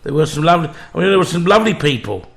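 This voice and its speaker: A man's voice: fairly high pitch, very animated, very fast, vocal fry, a bit bright. A man telling a crude, sweary story in a casual chat.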